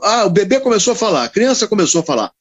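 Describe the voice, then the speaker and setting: Speaking very fast in a high voice, a man who works as a radio announcer in Rio de Janeiro swaps stories with other broadcasters in a casual chat. He's animated and emphatic, punctuating his points with frequent tag questions.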